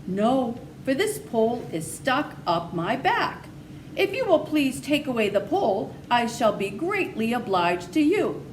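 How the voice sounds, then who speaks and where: A woman's voice: a little high, sing-song, unhurried, a little hiss or hum, voice pushed up. A woman voicing a friendly, brainless stuffed male scarecrow in a storybook, earnest, courteous and confiding. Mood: politely weary.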